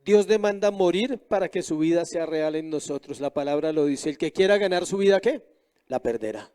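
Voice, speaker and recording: A man's voice: high voice, a little fast, warm tone, smooth. A middle-aged male pastor preaching a sermon, often asking the congregation questions.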